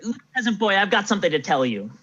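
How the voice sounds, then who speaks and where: A woman playing a grumpy, bored king who whines and complains, with a husky voice. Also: medium pitch, big pitch swings, racing, fairly bright tone. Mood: sulky. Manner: whiny, sulky complaining. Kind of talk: improvised comedy acting. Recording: dull lo-fi recording.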